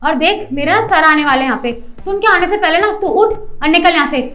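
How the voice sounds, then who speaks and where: A woman's voice: very high voice, lively intonation, brisk, sharp tone, heavily acted. A woman playing a rude, haughty office manager in a short skit, talking down and scolding. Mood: scornful. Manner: scolding, bossy, condescending.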